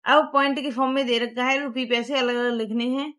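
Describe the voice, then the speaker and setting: A woman's voice: sits high, steady tone, a bit bright. A woman with an Indian accent teaching a primary-school math lesson, explaining step by step and switching between Hindi and English. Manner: reads English textbook sentences very slowly. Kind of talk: explaining a textbook lesson to young pupils.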